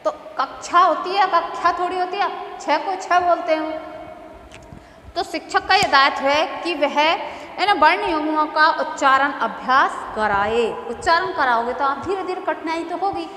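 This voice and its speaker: A woman giving a lecture to teacher trainees, explaining slowly and repeating key phrases. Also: high voice, animated, sharp tone. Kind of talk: classroom lecture. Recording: echoey hall with faint noise.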